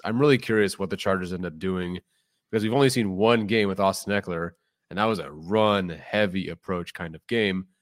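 A young man co-hosts a casual sports podcast in a low voice, recorded close and dry. He breaks down the game in a direct, upbeat way. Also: dry recording. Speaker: podcast co-host.

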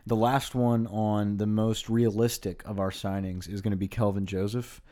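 A man, chatting casually about football recruits. He runs through names and positions with eager, rapid enthusiasm, like a podcast host deep in the details. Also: little pitch movement, dark tone. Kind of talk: casual sports talk.

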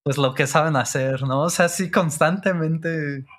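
In this casual interview chat, the guest is a Mexican-accented man who co-created a Spanish-learning channel and talks in a laid-back, slang-heavy style. He keeps a measured pace, with a fairly high pitch and a fairly bright tone.

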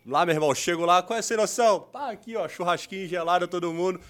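A man's voice: sits high, fast talker, a bit bright. A man playing a boastful, slangy party guy from Petrópolis in a comedy bit. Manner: slangy swaggering banter, beatboxing funk beats. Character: brash carioca-style party guy from Petrópolis, loud. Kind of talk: comedic character bit on a podcast.

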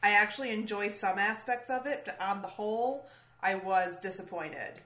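A woman's voice: mid-range voice, normal speed, a bit bright. A young woman co-hosting a casual music podcast, blunt and opinionated, swearing casually. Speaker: podcast co-host. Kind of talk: casual chat about music. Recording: echoey room.

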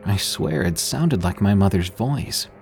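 A man's voice: deep voice, lively intonation, a little slow, a little mellow. A man hosting and narrating scripted scary stories in an ominous late-night radio manner, with music behind him. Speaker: host and narrator. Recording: music under the voice.

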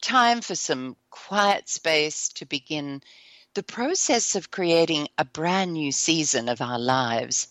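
An enthusiastic woman hosts a self-help show, her slightly croaky voice set a little low. She talks slowly with a lively, swooping pitch. The sound is dry and close. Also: no room sound. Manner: enthusiastic, bursts into whoops and laughs. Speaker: host.

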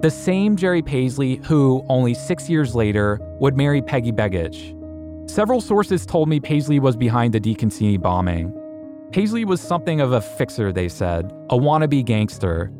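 A man narrating an investigative story in a measured, scripted way, posing rhetorical questions. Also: mid-range voice, sing-song, over music. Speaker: podcast host and narrator.

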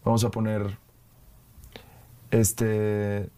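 A young man from Yucatán with a Yucatecan Spanish accent, talking casually as a podcast guest and telling stories with quick restarts. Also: lowish voice, clean tone. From Yucatán, Mexico. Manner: relaxed, storytelling with quick restarts. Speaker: guest, video creator. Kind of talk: casual conversation.

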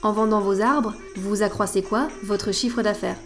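A woman's voice: medium pitch, fairly even intonation, normal speed, soft background music. A woman hosting a scripted educational podcast, didactic and playful with teasing asides. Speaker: podcast host.

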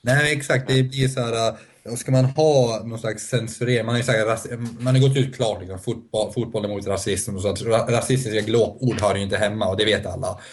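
A man's voice: fairly low pitch, fairly even intonation, few pauses. Hesitant man in casual discussion. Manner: hesitant, restarts, laughs between points. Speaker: podcast panelist.

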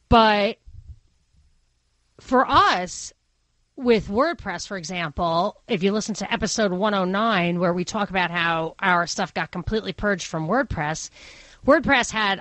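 A slightly bright, mid-range female voice comes through a close studio mic without echo. She hosts a radio talk show from the studio in a Brooklyn accent, chatting and thinking aloud through opinionated digressions.

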